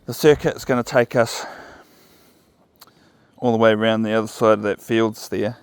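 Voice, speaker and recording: A dog-walking vlogger with a New Zealand accent records himself on his phone along an outdoor path. He thinks aloud at an easy pace in a casual ramble, and his low-side voice is smooth with fairly even intonation. The recording is dry.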